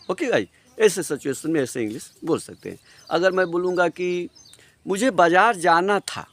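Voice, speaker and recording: A man with an Indian accent teaches English grammar in Hindi, walking through examples step by step. His voice sits a little high and swings widely in pitch. He slows right down to repeat each English example sentence. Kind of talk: Hindi-language grammar lesson.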